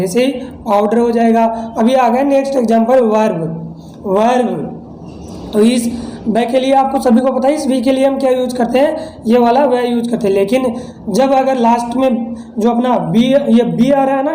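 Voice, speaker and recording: A man's voice: extremely high pitch, mellow, echoey room, a little hiss or hum, poor audio. A man from India teaching English pronunciation in a lesson, explaining step by step and answering his own questions. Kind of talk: classroom-style lesson explanation.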